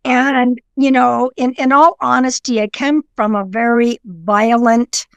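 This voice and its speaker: A middle-aged woman with a somewhat high voice tells her story earnestly. She keeps restarting with fillers, and the sound is dry and close. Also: fairly even intonation, measured pace, dry recording, lo-fi sound. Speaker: guest psychic medium. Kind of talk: conversational interview.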